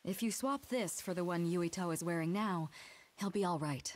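A woman playing a resolute, gentle young mother in an anime game, composed and earnest. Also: on the low side, moderate pace, close to an everyday voice. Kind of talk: anime video game dub acting.

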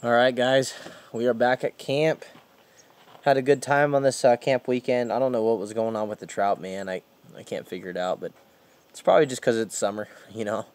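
A man's voice: medium pitch, fairly even intonation, normal speed, slight background noise. A young man vlogging outdoors on a camping and fishing trip, talking casually to a handheld camera in an easygoing way. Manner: easygoing, laid-back, says "man" and "you know" a lot. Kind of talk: casual vlog narration. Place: outdoors at a lake and campsite. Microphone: camera held at arm's length.

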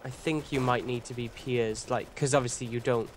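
A man's voice: medium pitch, fairly even intonation, normal speed, noisy background. A man with a nasal, blocked-nose sound, giving casual co-op gameplay commentary and laughing at himself often. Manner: laughs often, self-mocking. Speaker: co-op gamer.

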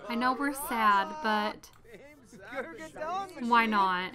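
A young woman hosting a casual gaming video, chatting excitably and urging her game character on. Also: a little high, very slow. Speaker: gaming channel host. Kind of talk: casual let's-play commentary.

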